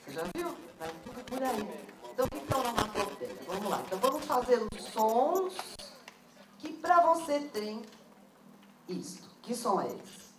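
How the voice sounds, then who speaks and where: A woman's voice: on the high side, normal speed. A woman, leading a workshop for teachers and firing questions at the audience. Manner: lively, asks the audience questions. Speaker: teacher trainer. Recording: roomy, distant mic, noisy room.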